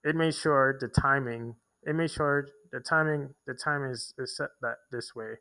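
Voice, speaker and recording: A man's voice: medium pitch, steady tone, normal speed, pushed and bright, rough recording. A young man telling a long, rambling personal story to the camera, full of restarts and repeated words. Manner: rambling, repetitive, with many restarts and fillers. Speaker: vlogger. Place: homeless shelter in a big city.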